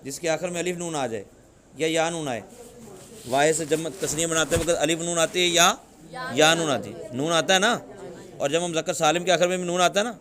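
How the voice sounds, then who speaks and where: A man's voice: fairly high pitch, a bit bright. Man, Pakistani Urdu accent, religious teacher, classroom grammar lesson, repeated questions to students.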